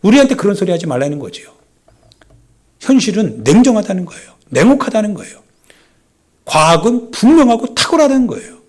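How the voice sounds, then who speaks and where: A man's voice: sits high, big pitch swings, fairly quick, long pauses, a little mellow. A man, a pastor, preaching a sermon with dramatic emphasis, acting out the voices of doubters. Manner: dramatic preaching, voicing doubters with rising intensity.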